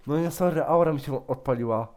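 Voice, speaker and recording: A man's voice: fairly high pitch, fairly quick, darkish tone, faint music behind. A man chatting casually while gaming, teasing and pranking another player as a YouTuber. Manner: teasing, joking, playfully mocking.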